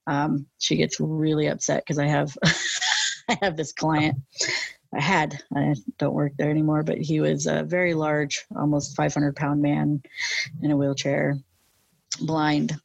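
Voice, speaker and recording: A woman's voice: low-pitched, level tone, measured pace, creaky, slightly rough, no room sound. A young woman with a lateral lisp, chatting casually in an interview, rambling with many fillers. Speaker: interview guest.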